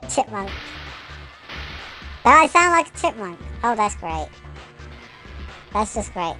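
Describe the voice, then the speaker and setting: A woman talking casually while streaming, her voice run through a high chipmunk-like voice changer, chatty and self-amused. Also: big pitch swings, slow pace, pushed and bright, soft background music. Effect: high chipmunk-like voice changer filter. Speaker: streamer testing voice effects.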